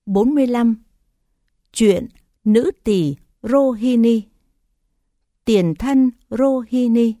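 A woman narrates Buddhist scripture tales in a calm, even reading voice. Her pace is slow and unhurried. Her tone is mellow, and the recording is dry and close. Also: fairly high pitch, dry recording.

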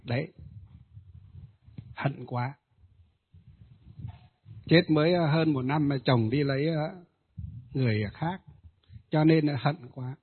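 A man, a Buddhist ritual master, tells a ghost story in a hesitant way, with many filler pauses. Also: a little high, husky. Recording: tinny phone-like audio.

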